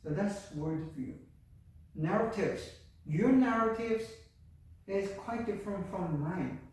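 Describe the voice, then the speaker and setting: An older man with a Korean accent lectures at a slow, halting pace, full of fillers and restarts. His voice sits high for a man. He sounds distant from the mic, in a strongly echoing room with faint ambience. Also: lively intonation. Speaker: university lecturer. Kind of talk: classroom lecture. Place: university classroom.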